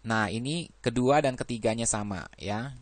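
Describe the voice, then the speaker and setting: A man's voice: medium pitch, moderate pace, no echo. A man teaching an English grammar lesson, working through verb lists and adding "ya" after nearly every phrase.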